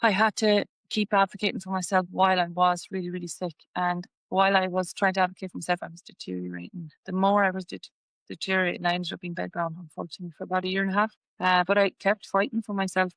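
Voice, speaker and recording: West of Ireland woman, even low-pitched voice. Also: fast, creaky, no room sound. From Galway, west of Ireland. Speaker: podcast guest, patient advocate. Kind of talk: personal story told in an interview.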